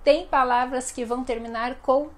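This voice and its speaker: A woman with a Brazilian Portuguese accent, teaching an online language lesson in a chatty, playful way and drawing out example words slowly. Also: high voice, fairly even intonation.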